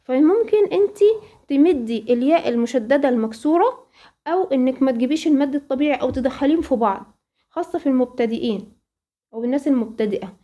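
A woman with an Egyptian accent teaching a Quran recitation lesson, asking questions and then answering them, and slowly reciting the examples. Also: sits high, lively intonation, warm tone, dull audio. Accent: Egyptian Arabic. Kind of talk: tajweed lesson.

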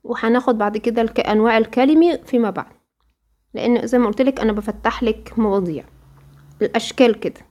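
A woman with an Egyptian accent teaching Quran recitation rules, asking her students questions and answering them herself, sometimes drawing out example words slowly. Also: on the high side, darkish tone. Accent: Egyptian Arabic. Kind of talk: interactive lesson with students.

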